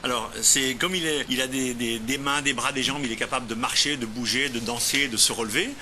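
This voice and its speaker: Fast-talking, bright-voiced male guest. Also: mid-range voice, slight background noise. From Lyon, France. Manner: explanatory, hesitant with frequent fillers and restarts. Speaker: robotics company founder, guest. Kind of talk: TV interview answers.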